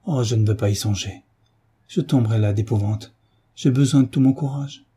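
A man's voice: medium pitch, normal speed, warm tone, breathy edge. A man voicing a frightened young mother. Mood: anxious. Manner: anxious, urgent questioning.

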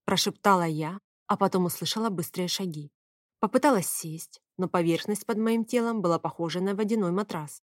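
A woman narrating an audiobook in the first person, telling the story in a lively, expressive way. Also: mid-range voice, brisk, no echo, studio quality.

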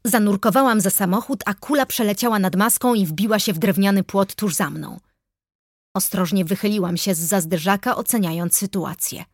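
A woman reading a first-person audiobook in a measured, wry storytelling manner. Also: mid-range voice, no room sound. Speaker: audiobook narrator. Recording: dry close studio sound.

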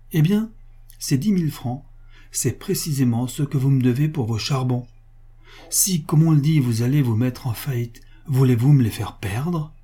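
A man's voice: mid-range voice, mellow, husky, pitched above the performer's own voice, lightly acted. A man reading as a pleading sixty-year-old merchant.

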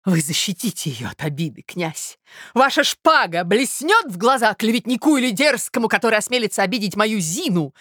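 A woman voicing a scheming middle-aged mother who gushes in loud, theatrical exclamations. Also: medium pitch, big pitch swings, fairly quick, no echo, clean studio sound, pitched above the performer's own voice. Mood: melodramatic.

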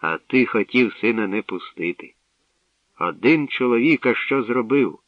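A man's voice: mid-range voice, lively intonation, unhurried, no room sound, lightly acted. A man reading aloud, voicing a blunt, hearty old shepherd and proud father in a storybook tale. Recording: tinny lo-fi radio recording, distant.

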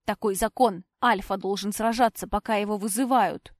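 A woman's voice: medium pitch, fairly even intonation, normal speed, dry recording, clean studio sound, close to an everyday voice. A woman doing an arrogant werewolf brawler. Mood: defiant.

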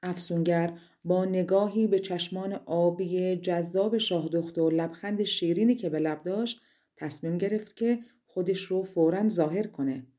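A woman from Iran narrating a fairy tale audiobook in a measured storytelling manner. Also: fairly low pitch, warm tone.

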